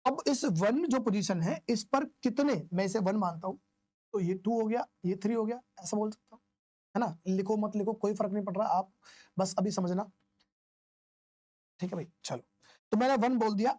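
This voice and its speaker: A man's voice: high voice, darkish tone, no room sound. A male teacher giving a classroom-style lecture. He asks questions, answers them himself and repeats the key terms in an informal, coaxing way.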